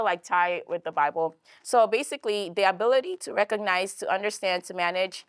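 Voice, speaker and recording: A woman's voice: fairly low pitch, clean tone, no room sound, clean studio sound. A young woman giving a casual church workshop talk, chatty, full of fillers and tag questions. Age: young adult.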